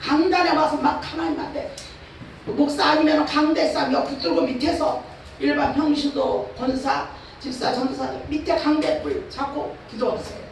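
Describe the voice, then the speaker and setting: A woman's voice: high voice, steady tone, normal speed. A woman pastor from Chungcheong with a Chungcheong Korean accent, preaching a revival sermon with emphatic rhetorical questions. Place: church or prayer house hall. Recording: echoey hall, far from the mic, faint noise.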